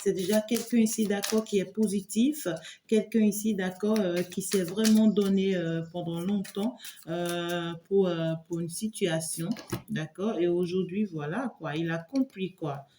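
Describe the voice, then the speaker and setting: Mellow-voiced woman giving a rambling tarot reading. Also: fairly low pitch, a little slow, echoey room, slight background noise. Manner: loose and rambling, full of filler words and repeated "here"; keeps checking in with the listener. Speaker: tarot reader and medium. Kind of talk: spoken tarot reading addressed to the viewer.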